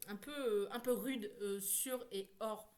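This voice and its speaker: A woman chatting casually to camera about her reading pile. She rambles, stops herself with fillers and corrects her own words as she goes. Her voice sits at an ordinary middle pitch. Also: steady tone, unhurried, a little mellow. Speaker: book vlogger. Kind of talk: casual chat.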